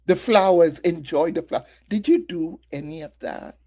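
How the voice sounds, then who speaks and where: A woman's voice: on the low side, normal speed, dark tone. A middle-aged woman preaching a Mother's Day sermon, asking her listeners many rhetorical questions and sharing her own story. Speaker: women's ministry speaker.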